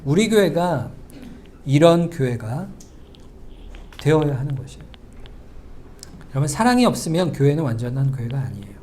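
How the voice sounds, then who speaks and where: A middle-aged male pastor giving a sermon in a church, talking conversationally, asking the congregation questions and slowing to a near whisper for emphasis. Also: mid-range voice, lively intonation, warm tone, a little hiss or hum. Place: church sanctuary.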